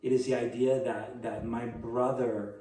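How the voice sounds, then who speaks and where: An earnest man talks as a guest in a relaxed podcast conversation. He speeds up when he drives a point home. His pitch is middling, and his voice comes from a little off the mic in an echoey room. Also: a little slow, distant mic. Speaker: podcast guest, youth ministry director. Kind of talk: casual interview chat.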